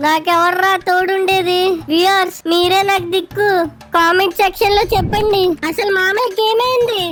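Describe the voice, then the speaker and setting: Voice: very high-pitched, steady tone, normal speed, a bit bright, faint music behind. A voice actor playing a mischievous, cheeky little boy in a cartoon fan dub, complaining and talking to the viewers. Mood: whiny.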